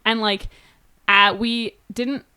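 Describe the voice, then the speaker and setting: A woman's voice: fairly high pitch, steady tone, slow, pushed and bright, smooth, dry recording. A young woman in a band, chatting casually, rambling with lots of fillers. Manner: rambling, laughs often, many fillers. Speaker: band member. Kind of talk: casual chat.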